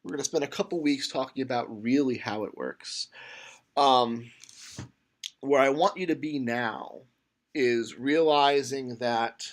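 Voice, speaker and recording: A man's voice: mid-range voice, unhurried. A man teaching a computer science class, talking casually with many fillers and restarts as he thinks aloud. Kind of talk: lecture.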